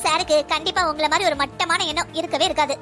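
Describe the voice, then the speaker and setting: A high, bright cartoon voice for a woman playing a sharp-tongued policewoman who argues fast and hard. The words tumble out with a tense, cutting edge. Soft music sits underneath. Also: fairly even intonation. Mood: arguing. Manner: argumentative, indignant. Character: sharp-tongued young policewoman, later an angry mother-in-law. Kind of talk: cartoon dubbing.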